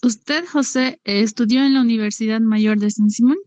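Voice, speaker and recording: A woman student taking part in a role-play exercise in class, giving quick responsive replies. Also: on the high side, darkish tone.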